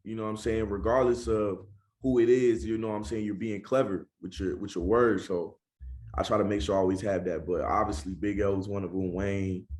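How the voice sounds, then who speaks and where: Laid-back young Southern man, low voice. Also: fairly even intonation, a little fast, darkish tone. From Charlotte, North Carolina. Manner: laid-back, constantly adds "you know what I'm saying". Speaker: rapper, interview guest. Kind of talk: casual interview talk.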